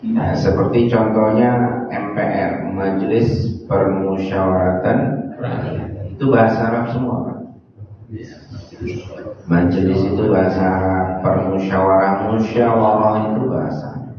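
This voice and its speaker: A man giving a religious lesson, slowly explaining Arabic words and repeating each term before he translates it. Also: low-pitched, fairly even intonation, a little hiss or hum. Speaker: Quran teacher. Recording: echoey hall, far from the mic, dull.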